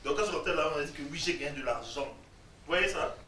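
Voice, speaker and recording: Male guest speaker, high bright voice, echoey room, distant mic. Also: brisk, slight background noise. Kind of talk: faith testimony.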